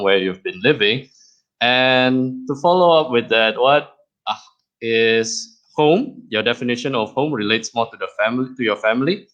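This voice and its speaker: Guy hosting his podcast, lowish voice, friendly easy chat. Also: a bit bright, rough recording. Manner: friendly, chatty, laughs easily. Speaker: podcast host and creator. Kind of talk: casual interview chat.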